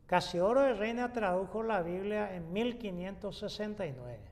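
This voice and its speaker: A man teaches a Bible study as a pastor. His voice sits high for a man, and he explains at an unhurried pace, pausing on fillers and restarting phrases. A long reverb trails each sentence. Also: vocal fry.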